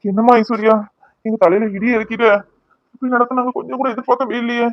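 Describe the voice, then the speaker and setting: A worried family elder from a cartoon serial, played by a man, talking quickly in a rather high voice, half pleading and half reproachful. The recording is dry and close. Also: fairly even intonation, no echo, lo-fi sound. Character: worried older father-in-law, gentle family elder.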